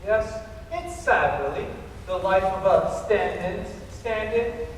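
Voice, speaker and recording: Actor as brooding eccentric male critic, high swooping voice, theatrical, stage farce, reverberant far-off recording, faint noise. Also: takes it slowly. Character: resentful, brooding, eccentric second-string critic. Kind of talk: farcical stage play acting.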